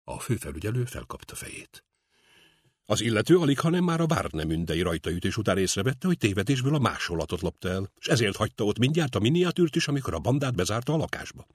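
Husky, lively male audiobook narrator. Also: fairly low pitch, dry recording, studio quality. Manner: lively, expressive reading. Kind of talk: scripted narration.

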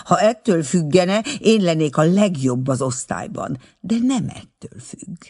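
A man reading aloud, voicing a playful grown woman who poses as a schoolgirl, in a raised, lively voice. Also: on the high side, breathy edge, pitched above the performer's own voice.

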